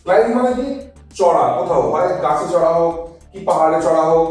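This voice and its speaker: A woman's voice: low-pitched, animated, fast, a little mellow, soft background music. A woman teacher leading a classroom pronunciation drill, repeating each word and quizzing the class again and again. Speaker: English teacher. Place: classroom with children. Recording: very echoey room, distant mic.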